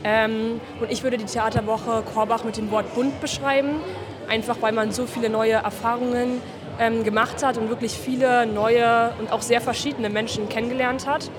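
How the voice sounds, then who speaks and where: A young woman answering interview questions in a steady, composed way. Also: fairly high pitch, normal speed. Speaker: festival participant. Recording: crowd chatter at a busy event.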